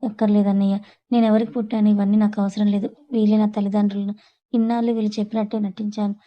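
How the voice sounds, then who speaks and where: A woman's voice: mid-range voice, level tone, rapid-fire, lo-fi sound, close to an everyday voice. A woman reading as a tearful young sister.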